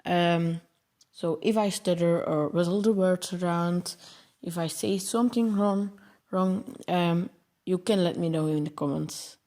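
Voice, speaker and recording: This programming channel host is a young man from Belgium whose native language is Dutch, and he speaks with a Belgian Dutch accent. Presenting his coding project on slides, he stumbles over longer words in an unhurried, high-sitting voice with a darkish color.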